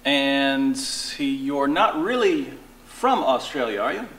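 A man in his thirties hosting an interview, asking plain, direct questions and quick follow-ups. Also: medium pitch, animated, fairly bright tone, a little hiss or hum. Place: small studio room with green wall.

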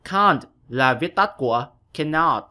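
A man's voice: fairly high pitch, animated, takes it slowly, bright, forceful tone. A man teaching an English lesson to young pupils, explaining patiently step by step in a scripted online-lesson narration.

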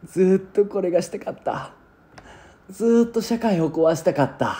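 A man voicing a gleeful young male villain who gloats slowly and savors each word. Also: sits high, lively intonation, dark tone, voice pushed up. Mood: gloating. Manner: slow, drawn-out, gloating.

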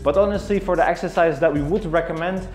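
A man's voice: on the high side, quick pace, a little mellow. A young man in his twenties giving a detailed, explanatory product review of home gym equipment, recorded indoors on a camera mic at mid distance. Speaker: fitness reviewer. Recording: echoey room with faint music.

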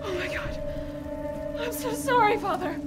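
A woman's voice: very high-pitched, unhurried. A woman voicing a distraught young village woman in a horror game, pleading tearfully in an overacted anime-dub manner. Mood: desperate, tearful. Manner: overwrought, pleading. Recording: music over game audio.

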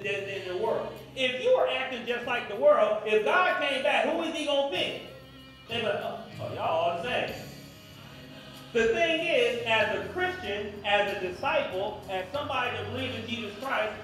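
A man's voice: extremely high pitch, lively intonation, normal speed, fairly bright tone, soft background music. A man in his fifties preaching a sermon as pastor, emphatic and repetitive, heard from a distance in an echoey room. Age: 50s.

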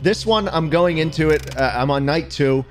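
A man giving loud, excitable, swearing commentary while playing a game. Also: on the high side, moderate pace. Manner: excitable, swearing, laughing outbursts. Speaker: gaming streamer. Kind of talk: let's-play commentary. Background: game music.

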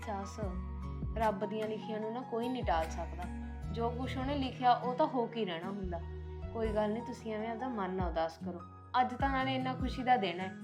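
A woman's voice: a little high, a little fast, natural voice. A woman playing a soothing young Punjabi bride. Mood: reassuring. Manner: soothing and reassuring. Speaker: newlywed wife. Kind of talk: village family drama acting. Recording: background music.

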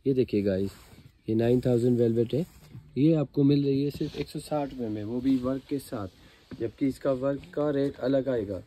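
An Indian man delivers an eager, informal teleshopping pitch, urging viewers to buy. His voice sits at a medium pitch with a dark, mellow tone. A little ambient noise runs behind him. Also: moderate pace. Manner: eager, urging sales patter, repeatedly addressing viewers. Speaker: fabric seller and channel host.

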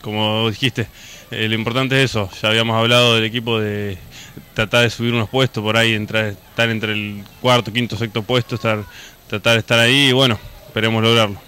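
A young Argentine basketball player answers plainly and modestly, often echoing the question back. His voice is low but bright. Faint background noise runs under it. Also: flat delivery, brisk. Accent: Argentine Spanish.

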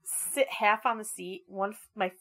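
A woman's voice: mid-range voice, measured pace, fairly bright tone. A middle-aged woman co-hosting a podcast in casual chat, telling a funny family story and laughing through her words. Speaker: podcast co-host.

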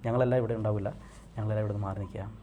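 Man leading a slow hypnosis session. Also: on the low side, steady tone, mellow, slight background noise. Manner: repetitive soothing commands, slow counting.

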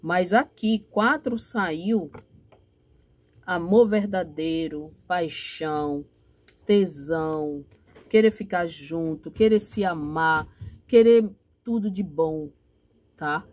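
A woman's voice: lowish voice, slow, pauses often, darkish tone. Affectionate Brazilian woman reading tarot. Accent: Brazilian Portuguese. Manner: affectionate, repetitive, ends phrases with "tá?"; motherly, preachy advice with religious blessings. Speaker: tarot card reader. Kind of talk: direct-to-camera tarot reading.

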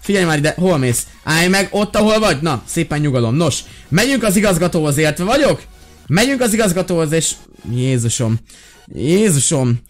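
A young man role-playing a fed-up teacher in a game, yelling, pleading and exclaiming in exasperation. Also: a little high, sing-song, soft background music. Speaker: gaming YouTuber playing a teacher. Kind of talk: Minecraft role-play commentary.

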